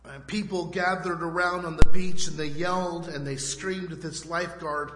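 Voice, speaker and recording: A man preaching a sermon in short phrases, pausing so an interpreter can translate. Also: a little high, fairly even intonation, background noise. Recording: echoey hall with long reverb.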